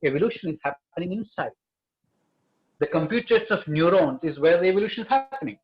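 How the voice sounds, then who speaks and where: Over a lo-fi line, a high-pitched man speaks fast with lively intonation as a panelist in a panel discussion. He's earnest and emphatic, repeating key words.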